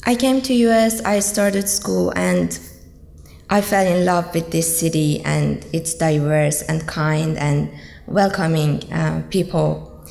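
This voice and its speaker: A young Iranian student gives a personal testimony speech in an echoey hall with long reverb. Her low, gravelly, darkish voice is slow yet animated, and she comes across as earnest and hesitant, with many ums.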